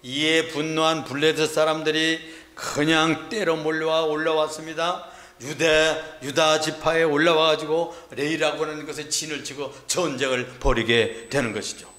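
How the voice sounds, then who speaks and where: A middle-aged male pastor preaching a Sunday sermon, retelling a story and acting out the shouts of its people. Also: on the high side, level tone, normal speed.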